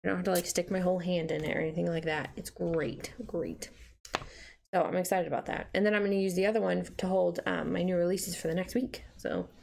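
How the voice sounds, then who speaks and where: A woman's voice: fairly low pitch, steady tone, fairly quick, creaky, noisy background. A young adult woman chatting casually and rambling with many fillers while she decorates her planner. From United States. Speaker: planner vlogger. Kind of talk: casual plan-with-me chat.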